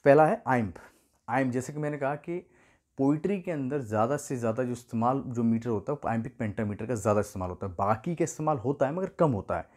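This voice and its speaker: A man teaching literature in a video lesson, patiently explaining and repeating key terms with slow emphasis. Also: medium pitch, a little mellow.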